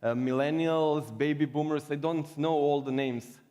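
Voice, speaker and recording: A Serbian-accented man speaks to a conference audience with a playful, joking manner. His voice sits a little high for a man. It rings with the long reverb of a large hall. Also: fairly even intonation, normal speed, dark tone. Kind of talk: humorous presentation.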